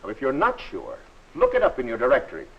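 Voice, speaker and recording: A man narrating a 1940s instructional film in a friendly, instructive and measured way. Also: mid-range voice, huge pitch swings, gravelly, breathy edge. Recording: dull old film soundtrack.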